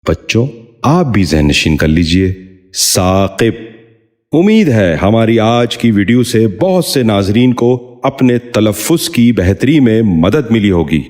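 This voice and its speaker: A low-voiced man with a Pakistani Urdu accent leads a scripted pronunciation lesson. He announces each word, then repeats it slowly and with care. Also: very animated, a little mellow. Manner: slow, deliberate enunciation of single words. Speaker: pronunciation teacher.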